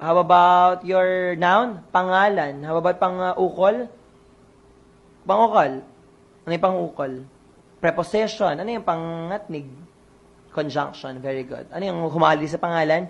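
A coach leads an online exam review. The voice has a gravelly, fry-edged texture at a middle pitch. The coach quizzes the listeners and repeats each answer. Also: a little slow, muffled recording.

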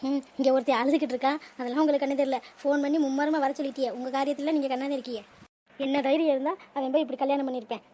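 A woman voicing a middle-aged mother-in-law in a cartoon family drama, lamenting and scolding loudly and fast. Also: sits high, steady tone, natural voice. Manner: loud, rapid, lamenting scolding.

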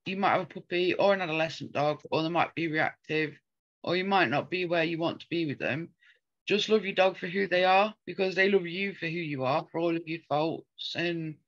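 A woman's voice: lowish voice, fairly bright tone, lo-fi sound. Earnest rambling woman on a call. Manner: earnest, rambling with frequent ums. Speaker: podcast co-host. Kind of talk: casual chat.

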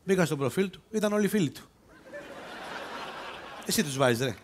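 A man's voice: sits high, animated. A man playing a mocking police instructor. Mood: scolding. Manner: mocking, scolding, ad-libs at fellow actors. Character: bossy male police self-defence instructor. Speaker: comic actor and sketch lead. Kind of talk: live stage comedy sketch. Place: open-air theatre stage.

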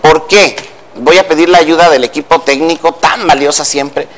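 A man's voice: fairly high pitch, normal speed, fairly bright tone, a little hiss or hum. A man from Mexico, a language commentator on a TV news show, patiently explaining spelling rules step by step in a studio.

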